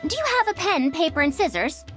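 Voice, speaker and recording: A high-pitched, animated young female scholar from a video game. She is self-assured and explains things precisely like a proud senior researcher, over clear background music. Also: fast talker. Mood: assured explaining. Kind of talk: video game character dialogue.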